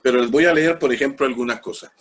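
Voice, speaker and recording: A man's voice: mid-range voice, fast. A man with a Costa Rican accent giving an informal parish-school lecture, explaining patiently with frequent fillers and spelling out words letter by letter. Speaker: parish formation teacher.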